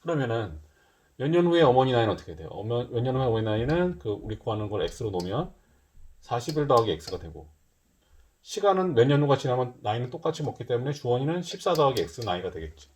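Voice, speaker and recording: A man's voice: medium pitch, very animated, fast talker, a little mellow. A middle-aged man teaching a middle school math lesson in a casual style, thinking aloud and mixing polite and casual speech. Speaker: math tutor.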